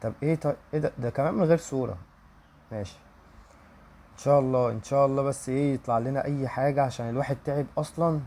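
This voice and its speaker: A man's voice: medium pitch, rapid-fire, a little mellow, a little hiss or hum. A young man with an Egyptian accent commenting on game pack openings, pleading for good luck and repeating his wishes aloud. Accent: Egyptian Arabic. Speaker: gaming YouTuber.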